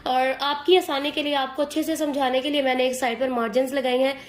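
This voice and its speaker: A woman with a high voice teaches makeup step by step, sounding hoarse as she strains to talk. She explains patiently and keeps checking in with her viewers. The room has a noticeable echo. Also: fairly even intonation, fast talker. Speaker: makeup tutor.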